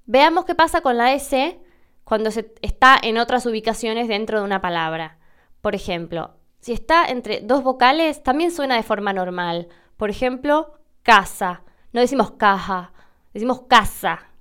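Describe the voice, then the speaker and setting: A young adult woman from Argentina with an Argentine Spanish accent, hosting a podcast and explaining pronunciation slowly and carefully. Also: on the high side, expressive, a bit bright, clean tone. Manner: slow, careful demonstrations of pronunciation. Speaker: podcast host answering listener questions.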